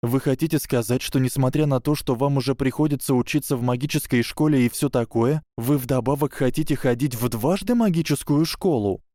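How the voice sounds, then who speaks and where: A man voicing a bookish schoolgirl witch who speaks cautiously and in measured phrases. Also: medium pitch, mellow, no room sound, clean studio sound, pitched above the performer's own voice, natural voice.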